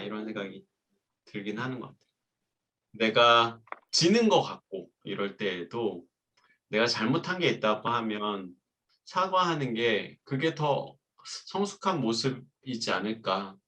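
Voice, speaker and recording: Casting: father on a parenting talk show, bright clear tone, thoughtful and even. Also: on the low side, a little slow. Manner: reflective, acts out quoted lines. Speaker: host.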